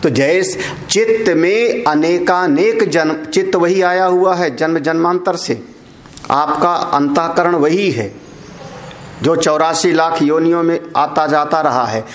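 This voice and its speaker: Slow-paced swami in an echoey hall. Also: male voice, on the high side. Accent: North Indian Hindi. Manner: conversational teaching, chants Sanskrit verses in a slow singsong. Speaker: swami teaching scripture. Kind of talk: spiritual discourse on scripture. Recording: echoey room.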